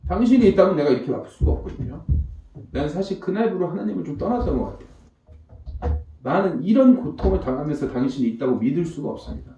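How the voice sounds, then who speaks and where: Male comedian giving a church testimony, animated storyteller who acts out voices, mellow voice, recorded from afar in a reverberant church hall. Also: on the high side, quick pace, distant mic, faint music behind. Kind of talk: emotional testimony talk. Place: church hall before a congregation.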